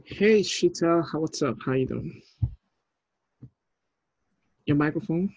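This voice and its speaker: Around thirty, a filmmaker hosts a table read over a video call from a small indoor room, chatting casually in a slightly high, darkish voice at a slow pace. Using earphones, he comes through with dull, echoey call audio.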